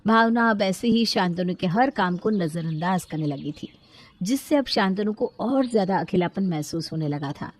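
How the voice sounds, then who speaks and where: A woman narrating a scripted moral storybook in an even storytelling manner. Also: fairly low pitch, normal speed.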